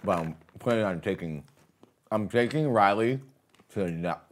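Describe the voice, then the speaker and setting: A man chats loosely with viewers as he plays through a game on a livestream. His voice sits low but leaps up and down as he gets excited, and he laughs a lot between thoughts. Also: moderate pace. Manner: excitable, rambling, laughs often. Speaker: streamer. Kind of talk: casual livestream chat while gaming.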